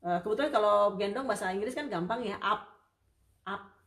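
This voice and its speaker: A woman therapist hosting a casual live-stream Q&A, chatty and warm with viewers, full of hesitations and fillers. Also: medium pitch, fast. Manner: warm and apologetic toward viewers. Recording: roomy sound, distant from the mic.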